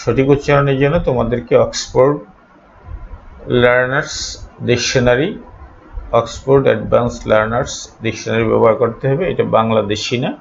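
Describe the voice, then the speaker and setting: A man from Bangladesh teaching a pronunciation lesson, saying each word slowly and repeating it again and again for his students. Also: mid-range voice, steady tone, creaky. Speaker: English teacher. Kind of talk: slow spoken pronunciation lesson. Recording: dull lo-fi recording, faint noise.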